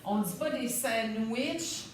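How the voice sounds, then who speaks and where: A woman teacher, slowly sounding out syllables in a phonics lesson for young children. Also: fairly high pitch, slight background noise. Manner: slow, deliberate, sounds out syllables. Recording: echoey room, voice from a distance.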